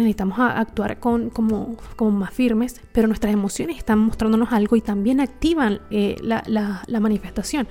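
A woman's voice: fairly high pitch, dark tone. A woman telling a personal story to her viewers, reflective and confiding, with many fillers. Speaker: vlogger.

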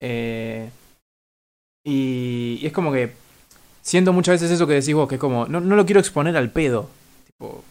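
A man with a Rioplatense Argentine accent hosting a stream, asking questions in halting, filler-heavy phrases. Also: medium pitch, lively intonation, a little mellow. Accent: Rioplatense Spanish. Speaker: stream host. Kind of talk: casual interview on a stream.

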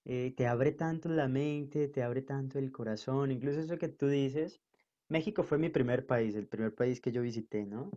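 Earnest Colombian man, mellow voice. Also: medium pitch, normal speed, highs cut off. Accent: Colombian, mixed coastal. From northern Colombia. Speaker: guest. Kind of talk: casual conversation.

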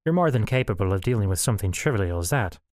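A man's voice: on the low side, expressive, fast, darkish tone, no echo, close to an everyday voice. A man voicing a tired male starship captain who scoffs with dry humor. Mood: weary. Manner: weary, scoffing.

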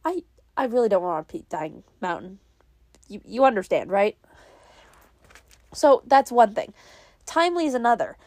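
A young New England podcaster, nose stuffy from a cold, chats on her own show in a rambling, self-deprecating way. Her voice sits on the high side and is a little mellow, with a sing-song lilt, normal speed, and frequent pauses, recorded without room sound.

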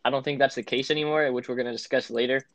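Dude on a sports podcast, laid back, kicks off the next topic, dry close sound. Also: male voice, medium pitch, rapid-fire, no room sound. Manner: relaxed, steering the segments. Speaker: podcast co-host. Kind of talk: casual sports podcast chat.

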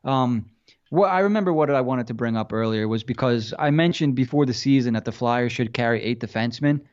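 A man's voice: medium pitch, fairly quick, muffled recording. A man co-hosting a podcast, venting in casual sports chat with exasperated rhetorical questions and heavy swearing. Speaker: podcast co-host.

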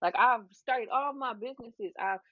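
A woman guest chatting casually on a podcast, candid and quick to laugh, swearing freely. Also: fairly high pitch, dry recording, muffled recording. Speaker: guest, adult toy shop owner.

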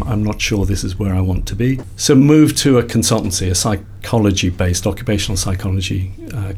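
A man's voice: deep voice, darkish tone, slight background noise. A man in his sixties from Liverpool, a psychologist guest telling his career story in a reflective, rambling way with many self-corrections. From Liverpool, England. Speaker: guest, company founder and psychologist. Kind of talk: casual interview conversation.

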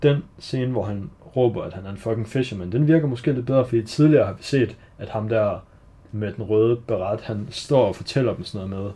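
A man calmly discussing a film in casual conversation, measured and low-key. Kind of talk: casual podcast chat about a film.

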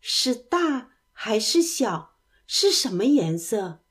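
A woman narrating a children's bedtime story in a soft, expressive voice. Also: on the high side, slow pace, husky.

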